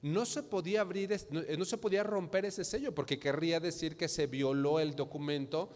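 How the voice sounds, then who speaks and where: A Mexican pastor delivers a sermon in a voice that sits a little high for a man. He asks his listeners question after question and slips into imagined dialogues. His words ring out with a long reverb from the church hall. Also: a little fast, a little mellow. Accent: Mexican Spanish. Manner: preaching with rhetorical questions, acting out imagined dialogues.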